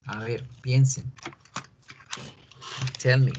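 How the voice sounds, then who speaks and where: A man teaching an English grammar class in Spanish, explaining slowly and patiently and putting questions to his students. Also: mid-range voice, fairly even intonation, a little mellow, muffled recording, slight background noise. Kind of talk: online class lecture.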